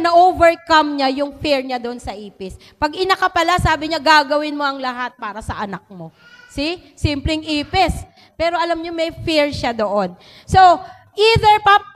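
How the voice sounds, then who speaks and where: A woman giving a lively church teaching talk, mixing in English and acting out quotes. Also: high-pitched. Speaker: church speaker. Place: church hall. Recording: long hall reverb.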